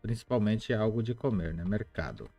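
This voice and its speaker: A man teaching a live online language lesson, explaining patiently and repeating words slowly, with chatty asides to viewers. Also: on the low side, sing-song, vocal fry, mellow, faint music behind.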